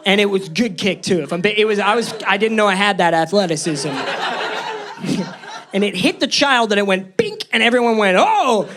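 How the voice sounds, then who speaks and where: A man's voice: high-pitched, sing-song, moderate pace. A man doing a stand-up comedy set on a club stage, telling self-deprecating stories in a nervous way into a handheld mic. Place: comedy club stage before a live audience. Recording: live show with loud crowd laughter.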